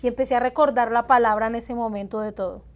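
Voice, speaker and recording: Fairly high-voiced woman sharing testimony. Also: fairly even intonation. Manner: heartfelt, unhurried storytelling. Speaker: pastor. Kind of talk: personal testimony in conversation.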